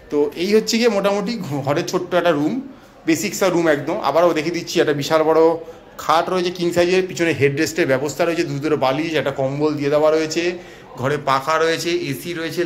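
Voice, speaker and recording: A man's voice: on the high side, slight background noise. A man vlogging a walking tour of a guest house, chatting straight to viewers and listing each feature of the rooms. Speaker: travel vlogger. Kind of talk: walking hotel tour, casual chat to viewers.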